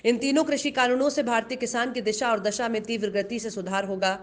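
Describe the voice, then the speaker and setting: A woman reading a local news report as a voice-over, in a steady, formal delivery. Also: fairly high pitch, brisk. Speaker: news reader.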